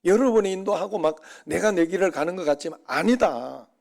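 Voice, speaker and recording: Gravelly Korean pastor preaching. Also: male voice, sits high, animated, brisk, a little mellow. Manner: storytelling with acted-out quotes and prayers, rising to emphatic preaching. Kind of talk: sermon at an overnight service.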